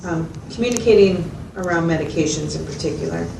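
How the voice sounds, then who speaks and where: A woman with a fairly low, gravelly voice talks a little fast while role-playing a patient, methodical mental health clinician in a consultation. She explains things and asks questions to check understanding, staying patient and explanatory. The audio is echoey and noisy, recorded from a distant mic.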